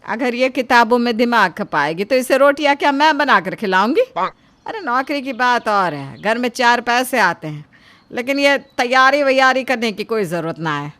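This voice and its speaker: A blunt village mother-in-law who scolds and complains, played by a woman narrating a moral story. Her voice sits fairly high and her words come out sharp and outspoken. She sounds like an older woman used to ruling the house. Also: expressive, moderate pace. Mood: scornful. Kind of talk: Hindi storybook voice acting.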